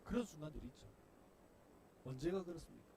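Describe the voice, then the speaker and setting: A man preaching a sermon as pastor, emphatic, moving from quiet asides to loud, forceful outbursts. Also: on the high side, fast, slight background noise. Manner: emphatic, swings between soft asides and loud acted outbursts.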